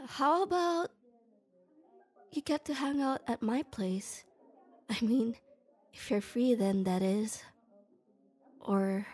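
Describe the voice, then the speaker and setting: Speaking close to the mic, a young woman with a fairly high, darkish, breathy voice performs an ASMR roleplay addressed to the listener. She plays a shy tomboy who's gruff but kind, talking hesitantly and stammering.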